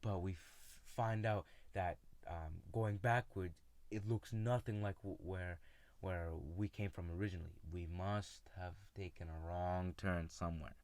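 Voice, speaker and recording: A man telling a personal story in a casual, halting way, with many fillers and restarts. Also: sits low, fairly even intonation, a little mellow. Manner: retells friends' lines in his own voice.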